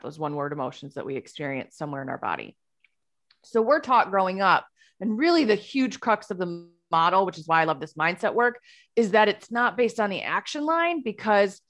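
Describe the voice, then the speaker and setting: A woman with a somewhat low voice hosts a podcast and talks as a life coach. She explains at an easy, casual pace and keeps checking in with her listeners. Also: fairly bright tone. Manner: explanatory, frequent "okay?" and "right?" check-ins.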